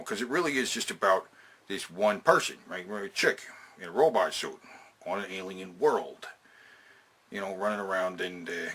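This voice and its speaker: This countdown host covers video games and movies casually and with strong opinions, leaning on sweary slang and repeated phrases for emphasis. His voice sits on the low side and comes across pushed and bright.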